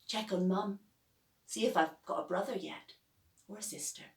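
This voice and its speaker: A woman author reading her children's novel aloud with an expressive storytelling manner. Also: medium pitch, moderate pace. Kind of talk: children's book read aloud. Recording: roomy echo, distant mic.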